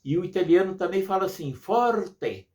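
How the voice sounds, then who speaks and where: A man's voice: mid-range voice, expressive, measured pace, a little mellow. A man teaching music to children, patient and full of diminutives, imitating sounds as he explains.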